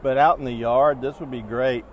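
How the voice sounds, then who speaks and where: A man's voice: medium pitch, steady tone, moderate pace. A man talking casually and plainly as a customer trying out a scooter, with a folksy manner. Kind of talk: casual chat. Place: outdoors. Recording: outdoor ambient noise.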